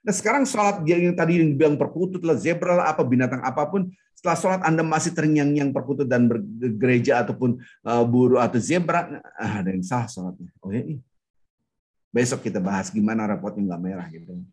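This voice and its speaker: A man giving a casual, joking Islamic lecture over a video call, acting out the people he quotes. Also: fairly quick. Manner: lively, jokey, acts out quoted people with sharp pitch jumps. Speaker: ustadz, religious teacher.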